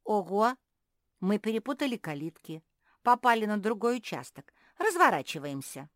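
A woman voicing a gentle, puzzled young female pug in a storybook reading, speaking mildly and in wonder. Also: medium pitch, very animated, normal speed, no echo, studio quality, voice pushed up, lightly acted.

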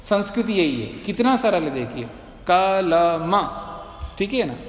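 Swami guy teaching verses slow and patient, highish voice, echoey hall sound. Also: sing-song. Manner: patient, repeats sutras slowly syllable by syllable, checks understanding. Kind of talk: classroom lecture on scripture. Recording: roomy hall reverb.

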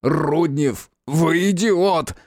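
A man voicing a gruff male police detective who shouts and curses in raised bursts. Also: a little high, very animated, unhurried, dry recording, clean studio sound, pitched above the performer's own voice. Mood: furious. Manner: bellowing, cursing.

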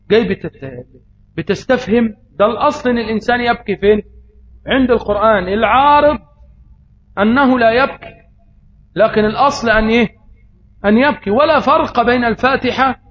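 In slightly dull audio with faint noise, a male preacher with an Egyptian accent delivers a religious lesson. His voice is very high and fairly bright in tone, and he asks rhetorical questions only to answer them himself.

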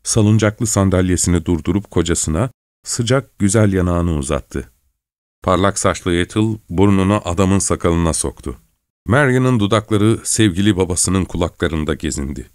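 An audiobook narrator with a low, slightly mellow voice reads a story at a moderate pace. It's scripted literary narration, recorded dry with studio quality.

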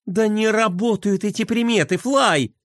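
A man voicing a skeptical, spunky skateboarder girl in a storybook reading, sharp and dismissive. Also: sits high, unhurried, dry recording, studio quality, pitched above the performer's own voice. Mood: scoffing.

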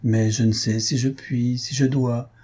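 A man's voice: mid-range voice, level tone, unhurried, mellow, slightly rough. A man reading aloud, voicing a composed young countess who answers with light, firm politeness. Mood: coolly polite.

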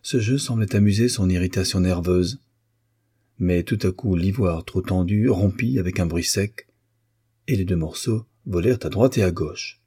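A man reads classic fiction aloud in a measured, even narrating voice. His tone is very deep and dark with a husky grain. The recording is dry and close, with no room around him. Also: dry recording. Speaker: audiobook narrator. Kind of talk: literary audiobook narration.

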